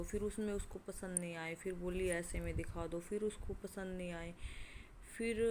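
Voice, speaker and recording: A woman's voice: on the low side, darkish tone. A woman tells a story in a casual, chatty way. She sounds indignant and leans on fillers. A faint hiss of noise sits behind her voice.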